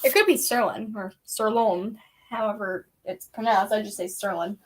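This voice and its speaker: A woman with a medium-pitched voice and a moderate pace chats casually in a bedroom vlog. She rambles on and sometimes switches to baby talk with a toddler.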